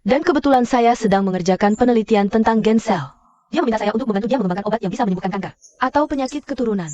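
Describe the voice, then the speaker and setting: A woman's voice: fairly high pitch, very fast, dark tone, muffled recording, natural voice. A woman dubbing a poised female lab chief and elder sister, speaking formally and composedly. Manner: formal, composed speech-giving. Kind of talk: dubbed drama.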